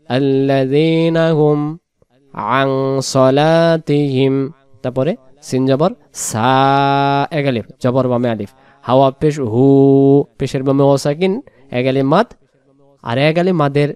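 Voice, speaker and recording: Man teaching Quran spelling, drawn-out recitation. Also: medium pitch, darkish tone, smooth, dry recording. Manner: spells letters slowly, then draws out recited words.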